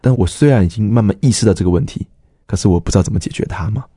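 A man's voice: on the low side, rapid-fire, warm tone, slightly rough, dry recording, clean studio sound. A middle-aged man, a pastor earnestly telling his personal testimony and acting out the dialogue he quotes.

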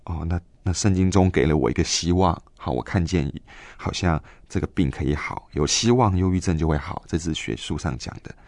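A man in his twenties telling a personal faith story in an interview, earnest and halting, with many fillers and restarts. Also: sits low, a little mellow, dry recording. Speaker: guest giving a faith testimony.

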